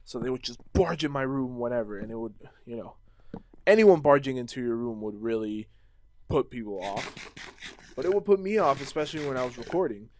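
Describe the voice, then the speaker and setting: A man's voice: medium pitch, a little fast. Young man rambling over gameplay. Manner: rambling, restarts sentences, animated storytelling. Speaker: gaming vlogger. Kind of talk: casual commentary while playing a game.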